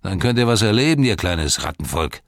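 A man's voice: sits low, very animated, fairly quick, dry recording, studio quality, voice pushed up. A man voicing a big, brutish ruffian who bullies and threatens, sometimes drawling, sometimes spitting words. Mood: threatening. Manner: bullying, menacing, drawls and spits words.

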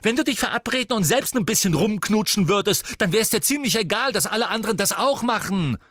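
A man voicing a fiery, furious teenage witch girl who shouts cutting taunts at her brother in an audiobook reading. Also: high-pitched, lively intonation, brisk, dry recording, studio quality, voice pushed up. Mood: screaming, mocking.

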